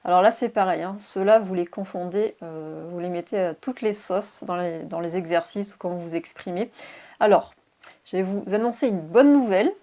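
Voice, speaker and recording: A woman teaching English pronunciation in a video lesson. She explains clearly and spells words out letter by letter. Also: fairly low pitch, moderate pace, warm tone.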